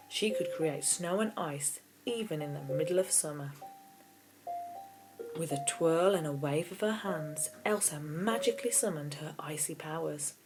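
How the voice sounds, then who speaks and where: Keyboard music plays beneath a woman narrating a children's novel in storybook fashion for an audiobook. She has a low-pitched voice, and the recording quality is poor.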